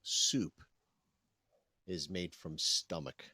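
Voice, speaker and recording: A man's voice: deep voice, fairly even intonation, very slow, sharp tone, slightly rough, dry recording, clean studio sound. A man in casual podcast banter, telling easygoing stories.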